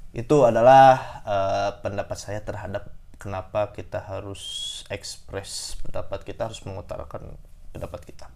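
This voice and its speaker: A man's voice: lowish voice, level tone, moderate pace, gravelly, darkish tone. A young man talking casually to his listeners, giving his own opinions with many fillers, restarts and repeated phrases. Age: young adult. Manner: hesitant, many fillers and self-corrections; repeats key phrases for emphasis. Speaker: podcaster sharing opinions. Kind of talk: casual monologue.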